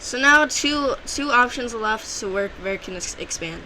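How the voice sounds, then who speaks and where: In a rough recording with slight background noise, a woman narrates an alternate-history map in a fairly high, lively, sharp voice at normal speed. The commentary is casual and rambling, full of restarts and self-corrections.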